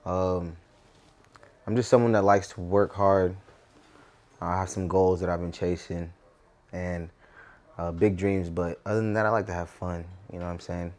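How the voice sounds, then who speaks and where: Appearing as a guest in an interview, this twenty-something Southern Californian man reflects in a casual way with an American accent. He has a deep, slightly mellow voice with fairly even intonation, speaking at normal speed and pausing often.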